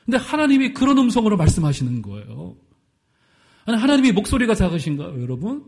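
A middle-aged male pastor preaching a sermon, asking the congregation questions and swinging between loud and soft. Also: high voice, huge pitch swings, fast, creaky.

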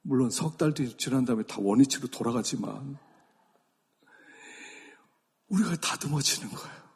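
A middle-aged man preaching a sermon as pastor, with a raspy voice, swinging from loud emphasis to hushed whispers. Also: mid-range voice, expressive, fast talker. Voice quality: raspy and gravelly. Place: church sanctuary. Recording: long reverb of a large hall.

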